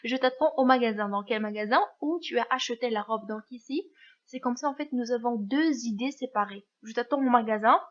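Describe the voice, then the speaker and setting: A woman's voice: on the high side, brisk, lo-fi sound. A woman teacher giving a grammar lesson, patient and careful, often checking that her students follow. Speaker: French teacher.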